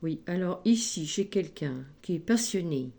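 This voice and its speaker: A woman giving a spoken tarot card reading, slow and gently encouraging, often adding little tags as she goes. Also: on the low side, expressive, gravelly. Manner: slow, gentle, encouraging, frequent "hein" and "ici".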